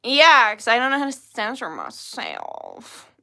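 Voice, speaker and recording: A young woman hosting a tarot livestream reads through chat and talks casually with viewers, laughing often and swearing freely. Her fairly high voice swoops wildly in pitch, sounding creaky, bright and forceful at a measured pace.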